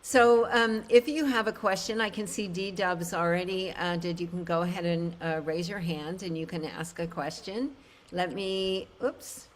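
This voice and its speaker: Woman hosting a group video call, lowish voice, gentle, keeps things moving. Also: moderate pace, slight background noise. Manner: gentle, calls on participants. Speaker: call host and facilitator. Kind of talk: moderating an online group call.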